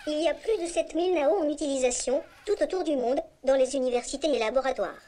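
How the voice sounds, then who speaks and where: On a conference stage, a polite little humanoid robot runs through a scripted self-introduction as a text-to-speech demo, its synthetic woman's voice high and chirpy. The delivery is fast, even and mechanical, and the sound clearly comes from the robot's built-in speaker.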